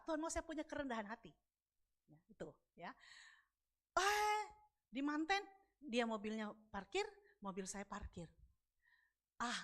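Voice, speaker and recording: A middle-aged woman tells her story with animated energy, acting out the voices and the inner dialogue along the way. Her voice is high and loud, and she speaks with a rising, emphatic intonation. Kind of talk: lively testimony talk.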